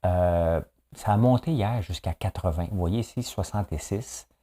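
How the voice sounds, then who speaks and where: Low, mellow-voiced Québécois man commentating. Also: unhurried. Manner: chatty, tag questions, exclamations. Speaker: morning news commentator. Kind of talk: casual solo commentary.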